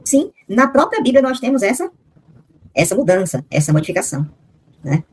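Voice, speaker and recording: A woman giving a Bible lesson on a video call, reading out lists of names and verses and slowing down to sound out the foreign ones. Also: medium pitch, very animated, a little mellow, breathy edge. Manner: reads out name lists and verses, slowly spelling out foreign names. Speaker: Bible teacher. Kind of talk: explanatory Bible lesson with slides.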